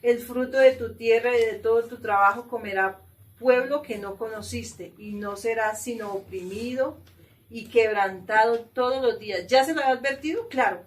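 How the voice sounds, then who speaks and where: A woman's voice: fairly high pitch, normal speed. A woman leading a Bible study, reading scripture aloud and explaining it, with frequent questions to her listeners. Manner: reads scripture then explains, asks the group questions. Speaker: Bible teacher. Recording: distant mic with faint room noise.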